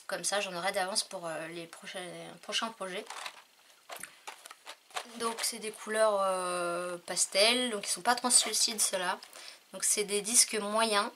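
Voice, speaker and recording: A woman chats through a crafting haul in a casual, hesitant way, filling pauses and letting her voice drop quietly at the ends of phrases. Her pitch sits in an ordinary middle range. A faint hiss and small clicks run behind her. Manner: hesitant, many fillers, trails off quietly. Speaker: crafting vlogger.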